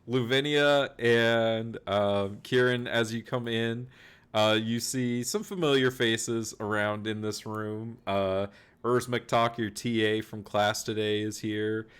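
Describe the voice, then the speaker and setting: A man's voice: fairly low pitch, steady tone, slow pace, fairly bright tone, clear, resonant tone. A man narrating as game master, chatty and laughing often.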